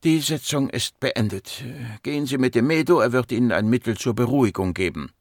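A man's voice: medium pitch, fairly quick, no room sound, studio quality, natural voice. A man reading a patient, composed female psychiatrist in her fifties, raising his voice to play her. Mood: firm. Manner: patient, firm, soothing.

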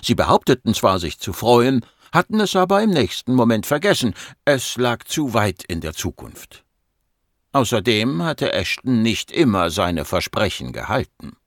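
In a clean, dry studio recording, a man narrates an audiobook with expressive storytelling. His pitch is medium and his pace moderate.

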